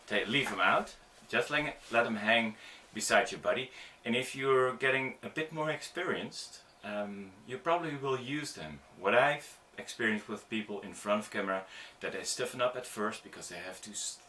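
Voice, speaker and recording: A middle-aged Dutch man, an audiovisual producer, gives a casual video tutorial on performing for the camera. His voice sits on the low side with a sharp tone and a bit of background hiss or hum. He demonstrates as he goes, halting often with ums and restarts.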